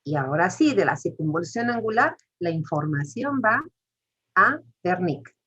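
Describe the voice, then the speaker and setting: A woman's voice: fairly low pitch, expressive, moderate pace, a bit bright, slightly rough. A woman, teaching a class step by step and putting questions to the students. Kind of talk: lecture. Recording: muffled lo-fi recording.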